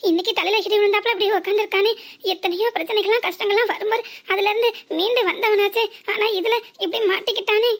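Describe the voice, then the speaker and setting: A woman's voice: very high voice, fairly even intonation, fast talker. A woman doing a wailing old cartoon grandma. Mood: lamenting. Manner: wailing, reproachful. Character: old grandmother, lamenting and scolding. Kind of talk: cartoon voice acting.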